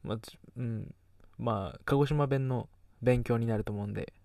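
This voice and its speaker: At a moderate pace, a nineteen-year-old from Kagoshima, Japan talks in a mid-range, slightly mellow voice with vocal fry and a light regional accent. The distant mic picks up no echo. Hosting a casual podcast, he rambles, jokes at his own expense, and drifts off before finishing his thoughts.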